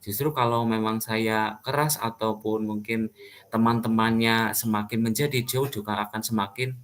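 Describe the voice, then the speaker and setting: A man teacher, giving his view in a measured, thoughtful way with fillers. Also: on the low side, fairly even intonation, fairly bright tone. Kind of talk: group discussion among teachers.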